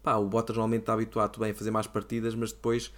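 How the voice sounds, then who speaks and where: A man's voice: fairly low pitch, completely flat delivery, racing. A man with a European Portuguese accent, casually analysing races on a talk show. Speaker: motorsport talk show panelist.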